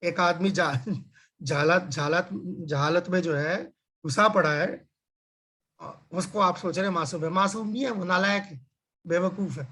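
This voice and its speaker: A man's voice: sits high, pushed and bright. A man teaching a religious scripture class over a video call, explaining with everyday examples and rhetorical questions. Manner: frequent filler phrases and restarts, slows to stress key words. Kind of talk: conversational religious lecture.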